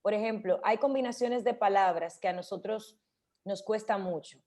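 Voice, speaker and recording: A woman's voice: medium pitch, mellow. Woman explaining speech habits. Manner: explanatory, slows down to demonstrate words. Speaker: radio host. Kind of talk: casual radio talk about speech.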